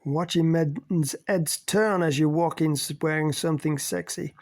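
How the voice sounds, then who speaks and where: A man voicing Pascal, a sharp-tongued, flirtatious woman who mocks and cuts with cool scorn, in an audiobook. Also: on the high side, fairly even intonation, measured pace. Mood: mocking. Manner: mocking, cutting.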